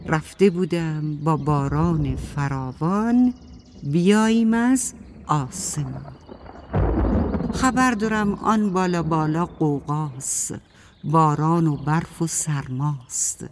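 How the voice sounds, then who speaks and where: A woman voicing a slow solemn storm cloud. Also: low-pitched, noisy background.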